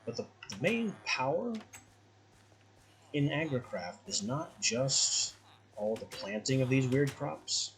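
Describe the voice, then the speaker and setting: A man hosts a casual let's-play with a lively, widely swinging intonation. His medium-pitched voice is conversational and wry as he thinks out loud. There is faint noise behind him. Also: takes it slowly, low-quality recording. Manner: wry, conversational, musing aloud. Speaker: gaming video host.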